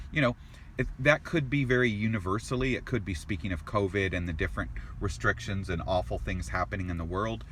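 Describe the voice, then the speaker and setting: A man with a fairly low, bright, forceful voice talks viewers through a tarot reading in a loose, rambling way, repeating and restarting words and doubling back. He exclaims aloud as each card turns up. A faint hiss sits beneath his voice.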